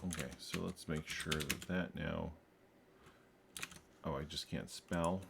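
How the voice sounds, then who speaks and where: Talking through his code on a stream, this man corrects himself often and drops wry remarks as he goes. He has a rumbling low, creaky voice, a steady tone and a slow pace. Faint typing and general noise sit behind him.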